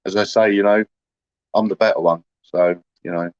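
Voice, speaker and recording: Aggrieved man, low rambling voice. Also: steady tone, normal speed, clean tone, no echo, highs cut off. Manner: rambling and aggrieved, full of "you know". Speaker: livestreamer talking to viewers. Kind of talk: casual livestream chat.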